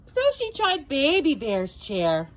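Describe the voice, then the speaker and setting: A woman's voice: high voice, wildly swooping pitch, slow pace. A woman narrating a children's storybook tale aloud, with dramatic exclamations and gasps.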